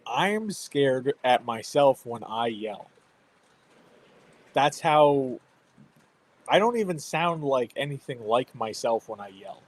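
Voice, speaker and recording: A man in his thirties hosting a casual chat, telling parenting stories in an animated way. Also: mid-range voice, takes it slowly, long pauses. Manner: animated storytelling with laughs. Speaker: host.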